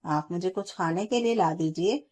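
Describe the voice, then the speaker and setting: A woman's voice: fairly low pitch, moderate pace, a little mellow, lightly acted. A woman storyteller voicing a young, worn-out new mother who pleads with her in-laws. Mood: pleading. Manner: pleading, weary.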